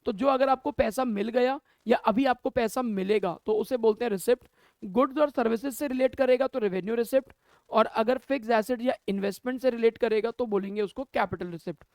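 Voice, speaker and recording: A man's voice: extremely high pitch, brisk, darkish tone, dry recording. A man teaching an accounting class, talking to students, asking questions and answering them himself, mixing Hindi with English terms. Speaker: commerce teacher. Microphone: camera mic.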